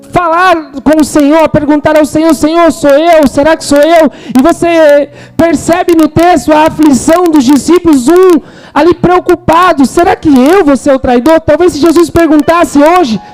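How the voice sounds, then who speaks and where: A man's voice: very high-pitched, a little mellow, poor audio. A man with a Brazilian Portuguese accent preaching a fervent sermon in a church, quoting scripture and acting out the disciples' words. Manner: fervent, quotes scripture and acts out disciples' lines.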